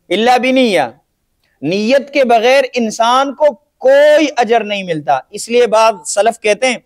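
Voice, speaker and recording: High-voiced man teaching religious law. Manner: keeps asking students if they understood; poses and answers his own rhetorical questions. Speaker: Islamic teacher. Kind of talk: classroom lecture on Islamic jurisprudence.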